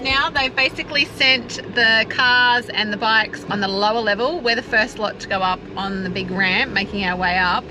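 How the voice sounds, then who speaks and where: A woman's voice: on the high side, normal speed, few pauses, low-quality recording. Chatty Australian woman vlogging over music. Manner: chatty, informal. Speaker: travel vlogger. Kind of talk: casual vlog chat.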